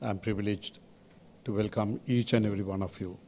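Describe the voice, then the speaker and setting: An older man with a Sri Lankan accent delivers a formal podium speech as a chairman, in measured, halting phrases with deliberate pauses. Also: lowish voice, steady tone, dark tone, a little hiss or hum. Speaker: advisory committee chairman giving a welcome address.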